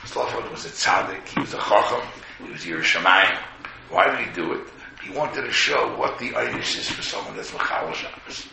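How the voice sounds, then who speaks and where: A man's voice: sits low, animated, normal speed, gravelly. A man giving a Torah sermon as a rabbi, mixing with Hebrew and terms and telling stories with rhetorical questions. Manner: storytelling, rhetorical questions, voices imagined speakers, repeats phrases; mixes English with Hebrew and Yiddish terms. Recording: echoey room, faint noise.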